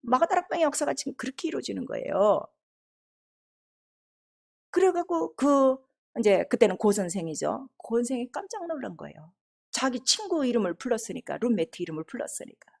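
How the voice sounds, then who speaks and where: A middle-aged woman preacher telling a testimony in a sermon, animated storytelling with laughter and acted-out quotes. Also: a little high, fairly quick, vocal fry.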